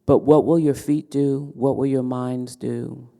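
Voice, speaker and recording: A man leads a conference session as moderator. His voice sits at an ordinary middle pitch. He speaks in an encouraging way, pressing the audience to take part. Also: fairly even intonation, measured pace, gravelly, warm tone, big-room sound. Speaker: event moderator. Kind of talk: addressing a conference room.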